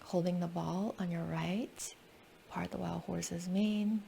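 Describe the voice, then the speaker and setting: A woman teaching tai chi step by step with calm, gentle, unhurried cues. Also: lowish voice, vocal fry, slight background noise. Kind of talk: step-by-step movement instruction.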